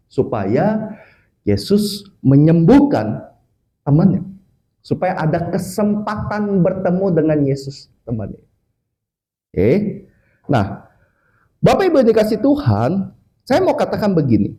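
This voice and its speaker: A male evangelist preaching a conversational sermon at an office service, often adding "oke" and "ya" and English words. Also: fairly high pitch. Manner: lively, conversational, frequent "oke" and "ya" tags, mixes in English words.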